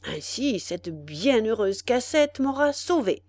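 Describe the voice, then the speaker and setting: A woman's voice: fairly high pitch, sing-song, slow, darkish tone, dry recording, full character voice. A woman voicing a timid, greedy old male concierge who mutters fretfully and breathlessly to himself. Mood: gloating.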